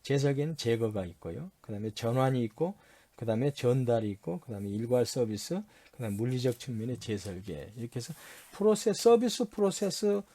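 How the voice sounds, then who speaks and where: A man's voice: medium pitch, big pitch swings, a little fast, dark tone. A male university lecturer reviewing course material, repeating and spelling out key terms and answering his own questions. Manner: repetitive, drills key terms, spells them out; mixes English terms into explanations.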